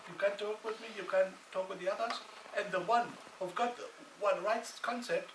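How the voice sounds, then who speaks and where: A Lebanese man gives a conference talk in non-native English, his high-pitched voice holding a steady tone at a moderate pace. He is emphatic and repeats phrases for stress. The recording is noisy, with a distant mic in an echoey hall.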